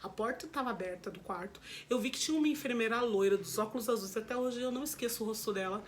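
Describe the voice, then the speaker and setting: A Brazilian woman with a fairly high voice speaks straight to her viewers and tells a painful personal story. She talks candidly and with emotion, and she often circles back to repeat a point. A faint hum sits behind her voice. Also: fast talker. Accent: Brazilian Portuguese. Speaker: vlogger.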